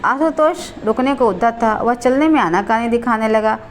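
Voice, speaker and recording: Measured woman storyteller, slightly high voice. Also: a little hiss or hum. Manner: measured, expressive reading. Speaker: storyteller host. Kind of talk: story narration.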